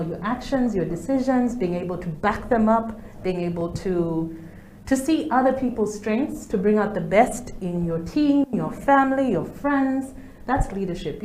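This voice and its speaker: A Ugandan woman in her forties speaks in a warm, medium-pitched voice as a guest in a studio interview, answering questions and laughing from time to time. The studio sounds echoey, with faint noise in the recording.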